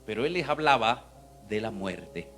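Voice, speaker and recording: A male pastor preaching a fervent sermon, swinging from hushed to loud and calling out to the congregation. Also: on the low side, lively intonation, a little slow, soft background music. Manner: calls out to the congregation.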